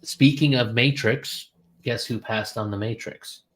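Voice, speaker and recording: A man's voice: mid-range voice, steady tone, a little slow, fairly bright tone. A man co-hosting a casual podcast, talking in a laid-back, blunt way with casual swearing. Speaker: podcast co-host. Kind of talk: casual chat.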